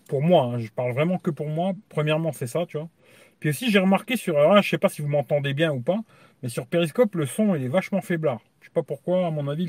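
A man's voice: on the high side, a little mellow, no room sound. Crude rambling man on a live stream. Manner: crude, rambling, says "tu vois" constantly. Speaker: YouTube tech channel host. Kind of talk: casual live-stream chat.

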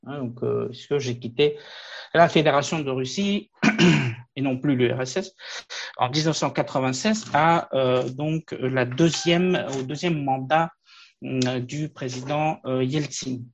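A gravelly-voiced man in his late thirties, from Afghanistan, speaks as an interview guest. He talks haltingly, full of pauses, fillers and restarts. The audio is dull and lo-fi. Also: mid-range voice. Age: late 30s. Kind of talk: conversational interview.

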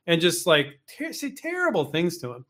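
A man with a somewhat high-pitched voice gives inventors blunt, casual advice. He talks in a chatty, unpolished way, restarting sentences and throwing in mild curses. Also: huge pitch swings, moderate pace, pushed and bright. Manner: frank and blunt, with mild swearing; chatty, with many restarts and asides. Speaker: invention licensing coach.

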